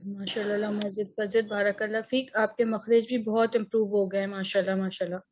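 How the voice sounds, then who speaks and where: A woman's voice: medium pitch, flat delivery, brisk, darkish tone. A woman teaching an online Arabic grammar lesson, patient and encouraging, often checking that students follow.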